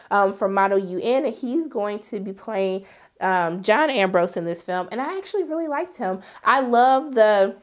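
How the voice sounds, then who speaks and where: A young woman reviews a film with sass and energy, her voice jumping high for quoted asides. She's sick, so her voice is strained and partly gone. She's recording in an indoor studio in front of a graphic backdrop.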